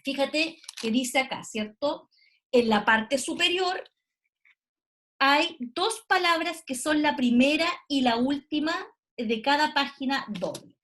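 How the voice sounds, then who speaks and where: Woman teacher on video call, high voice, patient explainer. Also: slow pace, a bit bright. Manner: explanatory, frequent "¿cierto?" check-ins. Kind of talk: online class explanation.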